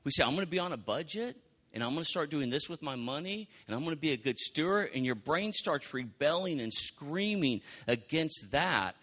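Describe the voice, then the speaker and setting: A man preaching a sermon in a conversational, animated way, often acting out quotes. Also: on the high side, normal speed. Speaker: pastor.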